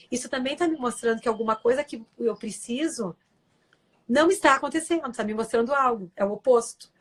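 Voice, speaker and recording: A woman's voice: on the high side, slightly rough. A woman giving an earnest, explanatory talk as a guest on a live stream, acting out quoted lines and often checking in with tag questions.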